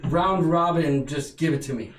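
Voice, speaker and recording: A man's voice: fairly high pitch, normal speed, slight background noise. A man co-hosting a goofy livestream chat, playfully breaking into song and stammering while he searches for words. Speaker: co-host. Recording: roomy livestream audio from a distance.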